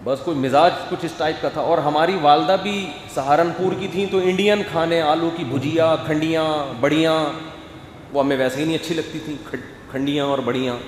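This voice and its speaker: A man preaching a sermon, animated and acting out family scenes. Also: a little high, slight background noise. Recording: echoey hall, faint ambience.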